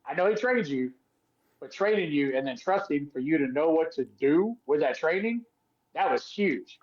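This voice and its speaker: In a moderately paced, fairly high male voice with the top frequencies cut off, a former wrestler co-hosting a podcast spins stories in relaxed chat. He gets animated and performs the voices of whoever he's quoting.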